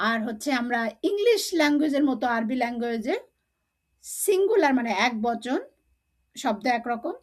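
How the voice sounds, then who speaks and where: Female teacher, high voice, patient drilling of vocabulary, lesson delivery. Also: darkish tone. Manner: slow drilling recitation, repeating words for learners. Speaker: Arabic teacher. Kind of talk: online language lesson.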